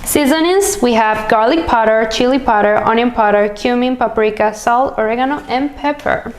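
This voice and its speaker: A woman's voice: on the high side, moderate pace, a little hiss or hum. A woman from Venezuela hosting a cooking video, chatting casually and listing ingredients as she prepares meals. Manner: chatty, upbeat, lists ingredients as she cooks. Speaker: cooking channel host. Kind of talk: casual recipe walkthrough.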